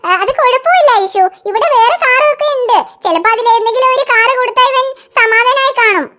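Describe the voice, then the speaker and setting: A woman's voice: very high-pitched, a little fast, sharp tone. A woman voicing a cheerful cartoon aunt. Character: kindly young aunt, cheerful and helpful. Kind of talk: cartoon dialogue.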